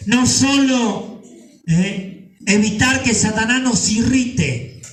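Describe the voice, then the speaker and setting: Pastor, high tenor, fervent sermon delivery, echoey church sound. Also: male voice. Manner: fervent, rising to shouts, rhetorical questions.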